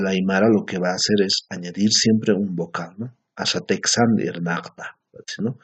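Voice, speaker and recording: A man's voice: fairly low pitch, slightly rough. A man teaching an Aymara class, explaining patiently and checking in with his students often. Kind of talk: recorded language lesson. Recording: dull lo-fi recording.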